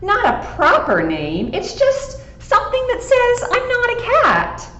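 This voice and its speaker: A woman's voice: extremely high pitch, huge pitch swings, a little slow, pushed and bright, voice pushed up, full character voice. A woman voicing a glum, determined storybook dog. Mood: moping. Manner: earnest, plaintive, determined. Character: glum male pet dog craving a proper name. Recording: echoey, dull, faint background hiss.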